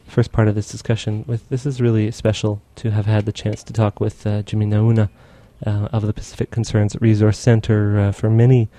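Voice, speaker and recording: Low, mellow-voiced male radio host. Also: flat delivery, no room sound. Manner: halting, many fillers. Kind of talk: hosted radio interview.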